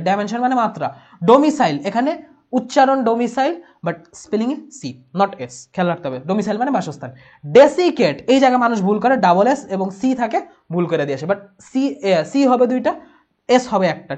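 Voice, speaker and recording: Young woman teacher, brisk delivery, fairly high voice, repeats and spells out terms. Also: darkish tone. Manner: fast, explanatory, repeats key words and spells them out. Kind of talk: online exam-prep lesson.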